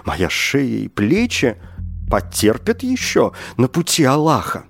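A man's voice: mid-range voice, wildly swooping pitch, slow pace, gravelly, exaggerated voice. A man voicing a cheeky, bewildered male porter who blurts and pleads, with faint music behind. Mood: exclaiming. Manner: pleading, exclaiming.

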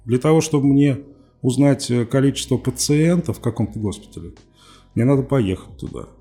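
Outspoken, mellow-voiced man in his forties. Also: medium pitch, fairly quick, faint music behind. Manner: outspoken, defiant, wry. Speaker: TV journalist, podcast guest. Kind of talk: candid interview talk.

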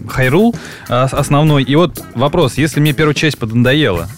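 A man's voice: mid-range voice, faint music behind. A man hosting a podcast, chatting casually and eagerly, often agreeing. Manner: quick, eager, many agreeing yeses. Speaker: podcast host.

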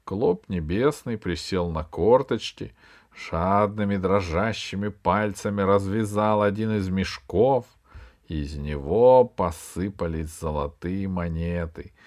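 A man calmly reading a children's sci-fi story aloud as narrator. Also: deep voice, slow. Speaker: audiobook narrator. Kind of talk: scripted narration.

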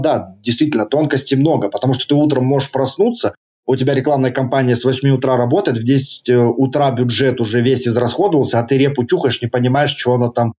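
Man, lisping soft sibilants, average pitch, colloquial and jokey, casual interview talk, dull low-fidelity recording. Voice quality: slight lisp with slushy sibilants. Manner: slangy, colloquial, joking. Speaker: targeted-ads specialist, interview guest.

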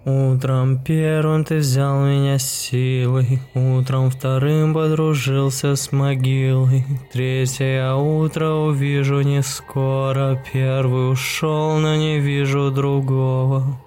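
A man voicing a sinister, cruel teenage ghost girl who sings and taunts in a slow, eerie sing-song. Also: fairly high pitch, slight background noise, pitched above the performer's own voice, close to an everyday voice.

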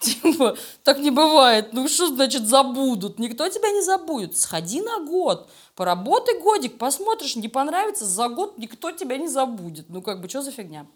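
An animation studio's creative director tells stories in a casual interview, using informal, slangy speech. Her voice is high and very animated, at a normal speed.

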